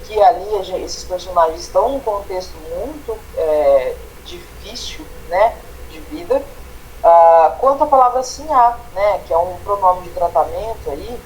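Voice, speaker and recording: A man's voice: sits high, slight background noise, low-quality recording. A man with a Brazilian accent teaching an online grammar lesson, explaining step by step and checking in with the students often. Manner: explanatory, tags phrases with "né?" and "tá?".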